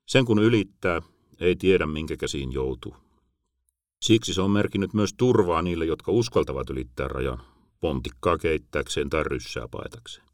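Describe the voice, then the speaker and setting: Middle-aged man, very low voice, wry reflective first-person narration, dry close sound. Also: dry recording. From Finland.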